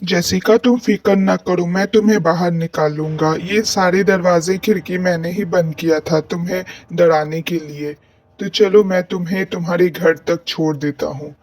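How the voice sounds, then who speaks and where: A man voicing a prankster male college friend who plays a ghost, with a husky, slow teasing drawl. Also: high-pitched, steady tone, a little mellow. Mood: reassuring.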